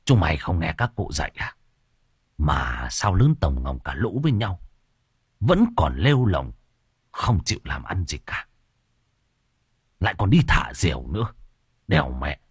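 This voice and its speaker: A man voicing a stern older village healer and sorcerer who scolds gruffly and barks orders, in an audiobook story. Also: very deep voice, very animated, unhurried, pauses often, dry recording, studio quality, voice pushed down, full character voice. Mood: gruff scolding.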